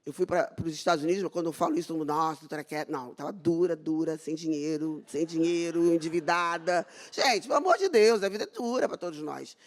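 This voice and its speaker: A woman's voice: deep voice, fast talker, few pauses. A middle-aged Brazilian woman and dermatologist, giving a spirited talk about her own story. She acts out the dialogue in it and brings her faith into it. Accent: Brazilian Portuguese. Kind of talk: personal testimony talk on stage.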